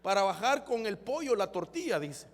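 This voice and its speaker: A man's voice: sits high, sing-song, normal speed. A man preaching a fervent sermon as pastor, often calling his listeners brother. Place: church hall. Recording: long church hall reverb.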